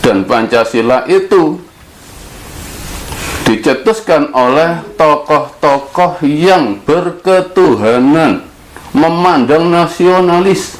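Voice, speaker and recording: Man from Java, measured and earnest, slow delivery, faint hiss behind. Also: fairly high pitch, low-quality recording. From Java, Indonesia. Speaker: speaker. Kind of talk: monologue.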